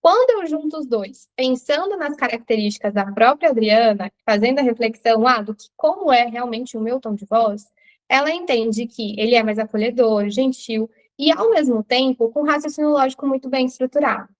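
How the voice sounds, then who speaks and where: High-voiced Brazilian woman teaching a class. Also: normal speed. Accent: Brazilian Portuguese. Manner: explanatory, addresses students directly with rhetorical questions. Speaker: branding teacher. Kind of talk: recorded online class.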